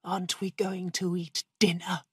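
A woman's voice: lowish voice, little pitch movement, normal speed, breathy edge, dry recording, clean studio sound. A woman reading the part of a vain, spiteful old woman in a storybook, in a raised, tense voice. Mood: bitter.

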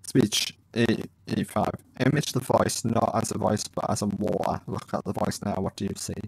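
A man's voice: on the low side, steady tone, moderate pace, creaky, no room sound, poor audio. A man hosting a let's play, chatting casually to viewers and reading his dialogue choices aloud. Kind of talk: casual gameplay commentary.

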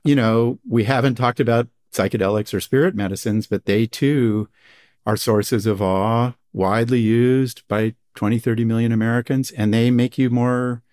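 A man's voice: medium pitch, fairly even intonation, moderate pace, a little mellow. Enthusiastic man explaining research. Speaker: psychologist guest. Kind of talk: conversational interview.

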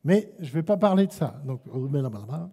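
A man's voice: fairly high pitch, expressive, fairly quick, dark tone, slightly rough. Man coaching in an echoing gym. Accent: French. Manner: barks short commands, teasing players. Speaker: basketball coach. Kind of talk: live coaching clinic on court. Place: indoor basketball gym. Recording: long echo of a gym hall.

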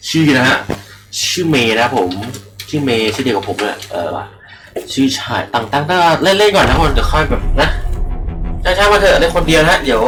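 A man's voice: mid-range voice, expressive, a little fast, over music, poor audio. Chatty young man doing let's-play commentary. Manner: rambling, chatty, swears freely, addresses viewers. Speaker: gaming channel host. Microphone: computer microphone.

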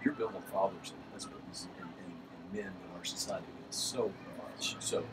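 A middle-aged broadcaster with a fairly low voice interviews a coach after a game, upbeat and encouraging. He sits in a press box over a night field. His mic is some way off and a steady noise runs underneath. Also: normal speed. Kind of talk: postgame interview. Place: press box above a lit ballfield at night. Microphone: headset mic. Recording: distant mic with background noise.

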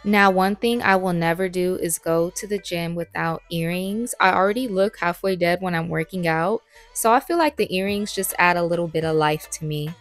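A woman's voice: on the low side, moderate pace, soft background music. A young woman narrating a get-ready-with-me voice-over, chatty and playful, joking about herself. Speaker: beauty and fitness vlogger.

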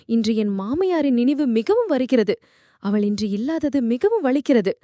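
A woman's voice: on the high side, animated, normal speed, dark tone, no echo, studio quality, close to an everyday voice. A woman reading the lines of a lonely, widowed older man, her father-in-law in the story, in a pleading, self-pitying way. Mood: mournful.

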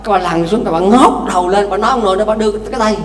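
A man, a Buddhist monk, giving a lively dharma talk with stories, speaking directly to the congregation. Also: high-pitched, very fast. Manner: lively, addresses audience directly. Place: temple hall. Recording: echoey temple hall, faint hum.

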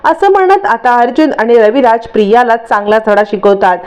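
A woman with a slightly high voice tells a drama episode like a story to a friend. She strings the scenes together with the same chatty linking phrases and keeps the plot moving. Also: moderate pace, darkish tone, clear, resonant tone. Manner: chatty, repeats linking phrases between lines. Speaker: serial episode recap narrator. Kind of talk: storytelling recap of a TV serial.

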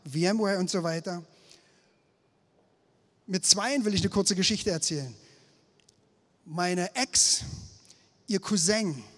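A middle-aged man from Berlin telling a lively, self-mocking story about his career on stage, speaking into a handheld microphone. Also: high-pitched. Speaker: speaker at a failure-story night. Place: indoor event stage before an audience. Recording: long hall reverb of an event space.

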